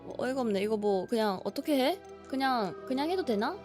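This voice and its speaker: A woman live streamer chatting casually before a game, with a cutesy, playful, expressive anime-streamer manner. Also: on the high side, brisk, faint music behind. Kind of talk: casual livestream chat before playing a game.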